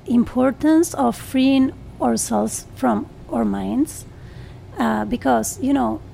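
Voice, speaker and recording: A woman's voice: a little high, gravelly, darkish tone, a little hiss or hum, low-quality recording. A woman with an Argentine Spanish accent speaks non-native English as an interview guest, hesitating as she searches for words. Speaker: radio interview guest, artist and educator. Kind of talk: interview conversation. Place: radio studio.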